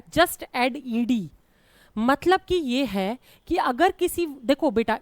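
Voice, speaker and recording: Woman, English teacher; high voice, patient and repetitive, addresses students as "beta"; dry sound. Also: no echo. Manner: repeats key rules, calls students "beta". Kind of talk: classroom-style grammar lesson.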